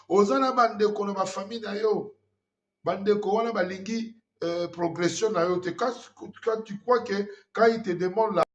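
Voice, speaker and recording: A man, hosting an earnest spiritual warning talk and mixing in French phrases. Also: sits high. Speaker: host. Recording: dull lo-fi sound.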